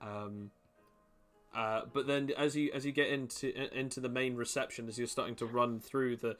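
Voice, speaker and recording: A man narrating as game master in a tabletop role-playing game, laughing often and slipping into quick voices for side characters. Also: mid-range voice, steady tone, fairly bright tone, soft background music.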